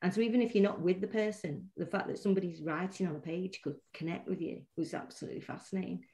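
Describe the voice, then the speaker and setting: A middle-aged woman from Manchester, England, speaks with a Mancunian accent in a lowish, dark voice, steady in tone and quick in pace. She's a poet appearing as a guest in a casual interview, chatting with plenty of restarts and fillers.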